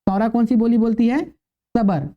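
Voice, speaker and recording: A man's voice: extremely high pitch, steady tone, normal speed. Male tutor, repetitive question-and-answer lecture, dull lo-fi recording. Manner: asks the class questions and answers them himself, repeats key words. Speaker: teacher. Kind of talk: classroom lecture.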